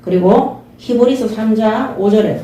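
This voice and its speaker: A woman's voice: on the high side, measured pace, dark tone, lo-fi sound. A woman preaching a sermon and reading Bible verses, earnest, often calling the room to attention. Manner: earnest, repeats short calls for attention. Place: church sanctuary. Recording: very echoey, mic at a distance.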